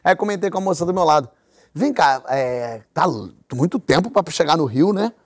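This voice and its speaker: A man's voice: fairly high pitch, normal speed. A Brazilian man, a talk show host, telling a comic anecdote and acting out the people in it. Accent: Brazilian Portuguese. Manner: animated anecdote telling with voiced characters.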